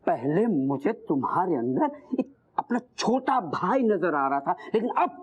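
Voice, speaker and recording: A man's voice: high-pitched, big pitch swings, a little slow, breathy edge, narrow, tinny audio, heavily acted. A man acting as a senior officer who talks theatrically, laughing one moment and scolding the next. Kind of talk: sitcom acting.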